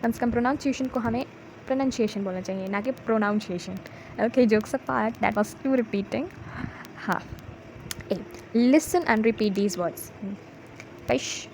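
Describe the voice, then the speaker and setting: A woman teacher with an Indian accent, speaking slowly and patiently in a fairly high voice. She reads out English lines and has the children repeat them. Faint hiss and room noise sit behind her. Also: expressive, a little mellow, poor audio. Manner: explains each word slowly, reads English lines aloud and drills them. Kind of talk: textbook exercise lesson, Hindi mixed with English.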